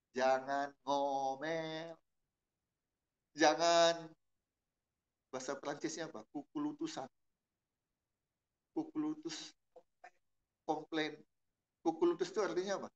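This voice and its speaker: A middle-aged man preaching a sermon at a church service, telling a story and asking the congregation questions, shifting from low murmurs to loud exclamations. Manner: asks the congregation questions and answers them. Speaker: pastor.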